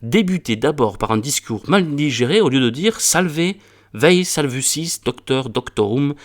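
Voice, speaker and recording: Un homme qui prête sa voix à un docteur pédant et arrogant dans une farce classique lue à voix haute, sur un ton déclamatoire et sentencieux. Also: male voice, medium pitch, expressive, a little slow, lightly acted. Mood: pompous. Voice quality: declaiming, lecturing, self-important. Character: pompous arrogant learned doctor, male, middle-aged. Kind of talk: reading a classic farce aloud.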